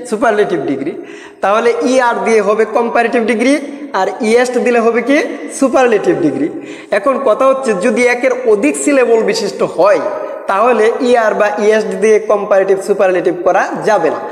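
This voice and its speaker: High-voiced man teaching in an echoey room. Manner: explains step by step, asks and answers own questions; switches between slow English lines and Bengali explanation. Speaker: English grammar teacher. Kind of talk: classroom-style grammar lesson. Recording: echoey room with long reverb.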